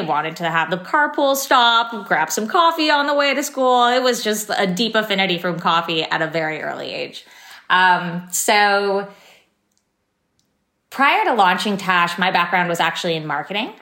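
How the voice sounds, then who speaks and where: Her voice runs on the low side, pushed and bright, as this thirty-something founder from San Francisco chats cheerfully through her story on a podcast, using lots of fillers. She's the guest, and the recording carries room echo.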